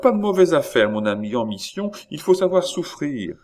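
A man voicing a frantic young noblewoman who pleads with her brother in shrill, high cries. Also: sing-song, moderate pace, darkish tone. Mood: pleading.

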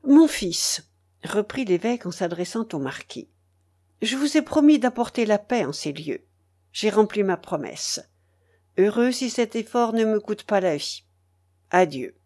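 Woman doing a solemn bishop, grave, admonishing, slow and measured. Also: medium pitch, lively intonation, warm tone.

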